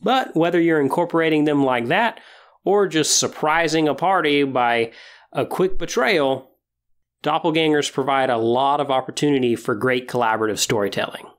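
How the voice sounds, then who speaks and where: Talking solo at a normal speed, a podcast host explains tabletop role-playing ideas in a conversational way. His or her middle-pitched voice suits guiding listeners through the concepts.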